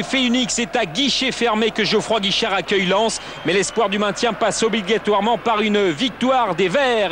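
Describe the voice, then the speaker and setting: High-pitched excited male sports commentator. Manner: dramatic, emphatic delivery with raised voice. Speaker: football commentator. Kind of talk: excited sports commentary over match highlights. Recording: loud stadium crowd noise behind voice. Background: football stadium crowd.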